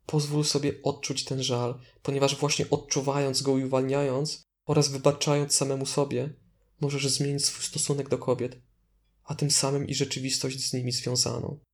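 In a measured, tranquil manner, a man instructs a guided meditation with gentle prompts, using a voice of middling pitch.

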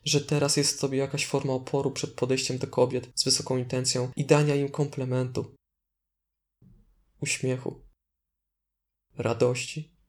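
Male meditation guide, mid-pitched and level, calm, deliberate delivery with gentle instructions.

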